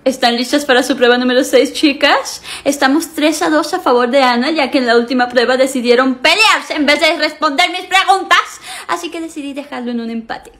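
Comedy skit role: spiteful, theatrical female contest hostess, acted by a woman, high register. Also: a little fast, few pauses, fairly bright tone. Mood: smug. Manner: smug, mocking, theatrical. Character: spiteful game-show-style hostess tormenting two rival girls.

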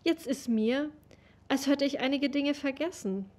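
Young woman, literary reading, fairly high voice, very slow pace, webcam recording at home. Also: a little mellow. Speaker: reader of literary texts. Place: home room with bookshelves.

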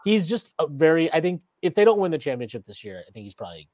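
A man's voice: fairly high pitch, sing-song, fast talker, darkish tone, no echo, highs cut off. A man in his thirties hosting a casual postgame sports chat on a video call, rambling and reading out viewer comments with frequent laughs. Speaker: podcast host. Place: small room indoors. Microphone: video call webcam.

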